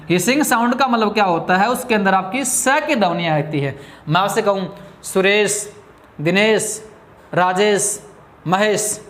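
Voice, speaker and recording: A Hindi-accented grammar teacher with a high, fairly bright voice gives a classroom lecture in an echoey room with slight background noise. He quizzes his students and then answers the questions himself, drawling key words slowly.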